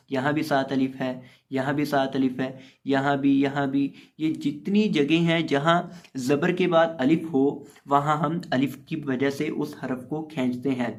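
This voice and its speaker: उर्दू-पाकिस्तानी लहजे वाला एक आदमी, कुरान पढ़ाने वाला उस्ताद, जो हर्फ़ों को धीरे-धीरे खींचकर जोड़ता है और फिर शांति से तजवीद के नियम समझाता है।. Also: male voice, medium pitch, lo-fi sound. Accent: Urdu-speaking Pakistani. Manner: slow drawn-out syllable-by-syllable recitation, then calm explanation. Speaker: Quran reading teacher. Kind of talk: spelling-out recitation lesson.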